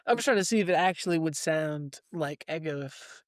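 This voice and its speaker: A man's voice: on the high side, expressive, brisk, no room sound, clean studio sound. A man co-hosting a casual podcast, thinking aloud as he guesses whether facts are true. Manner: quizzical, thinks aloud before deciding. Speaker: co-host.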